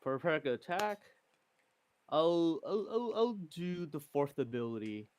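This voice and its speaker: A man playing a tabletop game in casual chat, thinking out loud and second-guessing himself. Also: on the high side, animated, unhurried, clean tone. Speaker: player in an online tabletop battle.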